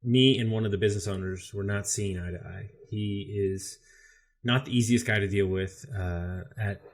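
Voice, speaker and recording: A man speaking as a guest on a podcast, with a slightly low voice. He tells his story candidly and with energy, and swears freely. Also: normal speed. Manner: candid, profane, animated storyteller. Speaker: podcast guest, business coach. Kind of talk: casual storytelling interview.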